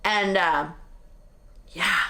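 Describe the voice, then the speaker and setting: A woman's voice: medium pitch, extremely slow, pushed and bright. A young woman vlogger telling her own marathon story in a candid, chatty way, full of fillers and mild swearing. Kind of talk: casual chat.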